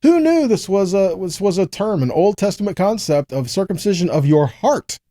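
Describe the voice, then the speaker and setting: A mellow American preacher with a fairly high voice teaches a scripture lesson in an animated, conversational sermon at normal speed, reading passages aloud. He poses rhetorical questions and checks in with listeners often. The recording is dry and clean, with studio-quality sound.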